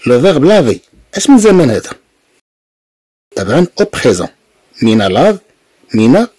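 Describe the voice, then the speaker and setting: A man with a Moroccan Arabic accent gives a beginner French lesson, drawing words out and repeating them patiently. His husky, warm voice rises and falls a lot as he explains. The sound is dry and close. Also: medium pitch, dry recording. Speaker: French teacher. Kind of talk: language lesson with pronunciation drills.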